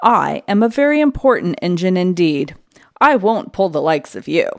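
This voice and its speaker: A woman's voice: lowish voice, animated, moderate pace, creaky, darkish tone, no echo. A woman voicing a big, strong, self-important male freight engine in a storybook, haughty and bellowing. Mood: pompous, indignant.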